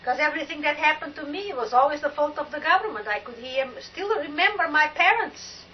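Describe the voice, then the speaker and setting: Hosting a spiritual talk, an older woman from Portugal speaks with a Portuguese accent in an emphatic, exclamatory style, stretching out words. Her high voice has lively intonation, and the recording is muffled with slight background noise.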